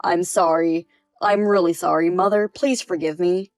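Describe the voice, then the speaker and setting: A woman's voice: lowish voice, steady tone, moderate pace, dry recording, lightly acted. Woman's voice as a desperate grown son in a text story, apologetic begging, dry close sound. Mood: pleading. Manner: pleading, apologetic. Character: indebted adult son begging his mother. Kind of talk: text-message story reading.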